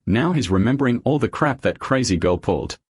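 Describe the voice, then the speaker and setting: A man's voice: mid-range voice, animated, fairly quick, husky. A man narrating a story recap in a casual, slangy and wry way.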